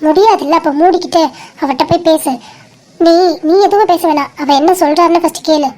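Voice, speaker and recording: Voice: very high voice, steady tone, fairly quick, a little mellow. A caring but bossy young woman in a cartoon voiced by a performer speaks. She scolds and nags insistently, with a teasing edge. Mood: scolding. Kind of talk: dramatic cartoon dialogue.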